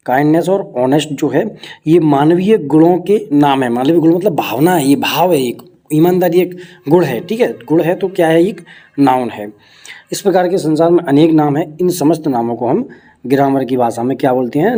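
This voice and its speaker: Dark-voiced Hindi-accented male teacher. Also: fairly high pitch. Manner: explains step by step with rhetorical questions. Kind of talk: exam-prep grammar lesson.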